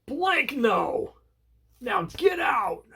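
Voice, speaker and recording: A man's voice: fairly high pitch, animated, moderate pace, darkish tone, husky. A man reading out the lines of a dismissive small-town pastor from a comic book, brushing people off curtly.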